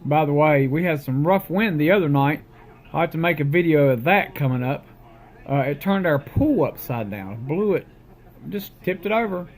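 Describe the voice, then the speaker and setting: A man's voice: a little high, lively intonation, normal speed. A middle-aged man, chatting casually and rambling to camera in a folksy, talkative way. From West Virginia. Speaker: vlogger.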